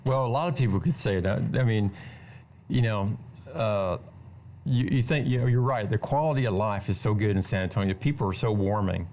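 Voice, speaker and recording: A man hosting a radio interview show, chatty and halting, often repeating words as he talks. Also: fairly low pitch, darkish tone, a little hiss or hum. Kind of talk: casual interview.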